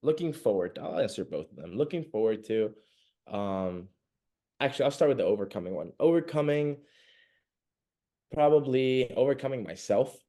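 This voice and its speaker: This young adult from Venezuela has a warm, medium-pitched voice with lively intonation and a moderate pace. Appearing as a podcast guest, he chats casually and rambles with plenty of fillers and laughs.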